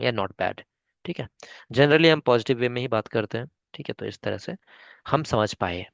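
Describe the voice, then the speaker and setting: A man's voice: medium pitch, no echo, dull audio. A man with an Indian accent teaching spoken English online, breaking long words into syllables and checking in often with his students. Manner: patient, repeats "ठीक है?" often, spells words syllable by syllable.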